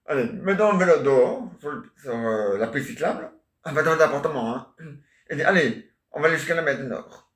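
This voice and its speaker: A man's voice: on the high side, expressive, fairly quick, a bit bright. A man talking in a meandering, joking monologue, full of little asides and fillers. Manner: meandering, jokey, filler-heavy. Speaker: vlogger. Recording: echoey room.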